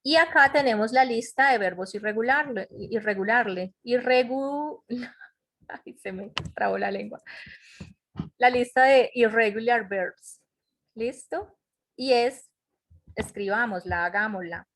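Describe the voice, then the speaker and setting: A bit bright and on the high side, her voice moves a little slowly with frequent pauses as she teaches English grammar online. Using a computer mic in a web conference, she explains step by step and checks in with the class.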